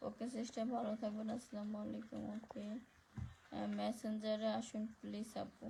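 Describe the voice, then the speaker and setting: Woman, Barishal Bengali accent, live-stream host, gravelly, flat delivery, quiet voice, faint background hiss. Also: medium pitch, moderate pace, poor audio. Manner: reads comments aloud and thanks viewers by name. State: speaking softly because of neck pain. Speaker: live-stream host reading viewer comments. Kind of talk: casual live-stream chat.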